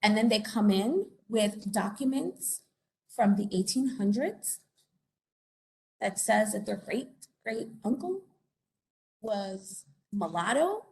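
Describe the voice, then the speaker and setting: A Puerto Rican woman working as an investigator gives a conversational, informational presentation in a conference or meeting room, using lots of fillers and tag questions. Her mid-range voice has lively intonation, a slow pace, and vocal fry. The recording quality is low.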